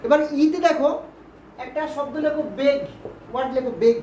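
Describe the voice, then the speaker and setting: A woman's voice: high-pitched, steady tone, fairly quick, dark tone. A woman teaching English vowel sounds to pupils, patiently repeating words and asking questions to check they follow. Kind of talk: Bengali-language grammar lesson. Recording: roomy, distant, faint background hiss.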